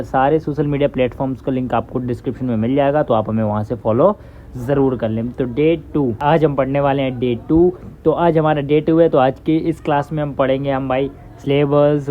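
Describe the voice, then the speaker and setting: A young man giving a casual, chatty online English lesson. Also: a little high. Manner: chatty, loose, reassuring, calls listeners bhai. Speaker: English teacher. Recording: thin phone-like audio with faint hiss.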